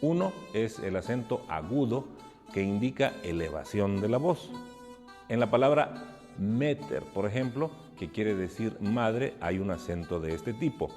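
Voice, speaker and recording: A man giving a measured, explanatory lesson, working through examples one by one. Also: lowish voice, animated, darkish tone, faint music behind. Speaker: teacher. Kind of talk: educational narration. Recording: long hall reverb.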